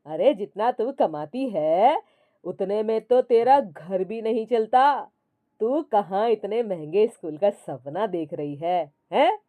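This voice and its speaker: A woman voicing a dismissive brother who scoffs slowly at his sister's hopes. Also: medium pitch, expressive, narrow, tinny audio. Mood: scoffing. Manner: scoffing, slow. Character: mocking, dismissive adult brother.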